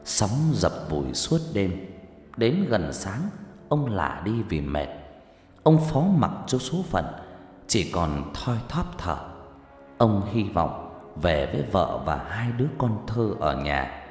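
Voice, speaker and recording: Low-voiced man telling a story. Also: sing-song, slow. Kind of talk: first-person story narration. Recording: roomy reverberant room, soft music.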